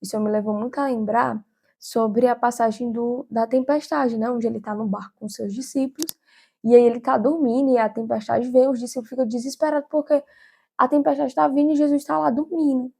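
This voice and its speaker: Soft-toned young woman sharing testimony. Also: fairly high pitch, steady tone, a little fast, vocal fry, slightly rough. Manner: earnest, chatty, many fillers. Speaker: vlogger. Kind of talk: personal testimony.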